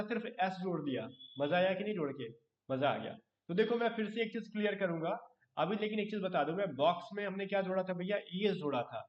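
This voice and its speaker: High-voiced man teaching, roomy distant sound. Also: highs cut off. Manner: explains with repeated questions to students; teasing, joking asides. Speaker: English teacher. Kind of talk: online live class lecture.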